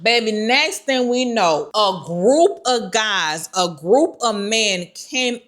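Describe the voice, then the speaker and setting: High-voiced woman telling a story. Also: slow pace. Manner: lively, repetitive storytelling; colloquial, slangy. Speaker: vlogger. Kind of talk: storytime vlog.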